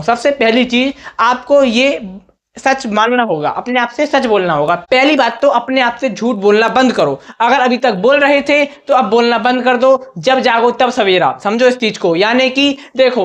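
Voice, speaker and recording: Animated and fairly bright, this young man's very high voice moves at a normal speed as he gives a whiteboard lesson on study tips. His manner is direct and coaching, peppered with "okay" and "theek hai" check-ins.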